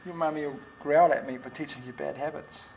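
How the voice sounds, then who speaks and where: A man's voice: fairly high pitch, steady tone, a little fast, a little mellow, slight background noise. An older man, playfully reading picture books to a toddler at home, with teasing questions and animal noises.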